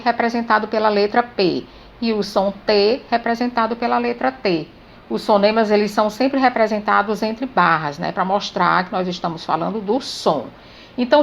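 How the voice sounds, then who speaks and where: A woman with a Brazilian Portuguese accent teaching a grammar lesson, speaking slowly and deliberately and spelling out sounds letter by letter. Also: mid-range voice.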